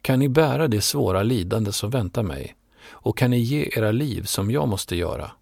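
A man voicing Jesus as a calm, grave male teacher, speaking in a measured, solemn way. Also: on the low side, creaky, no room sound, studio quality.

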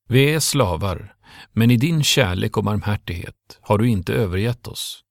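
A low, gravelly male voice reads scripture aloud in a steady, measured way. The sound is close and dry, with no room around it. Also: no room sound. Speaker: scripture reader. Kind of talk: scripted Bible reading.

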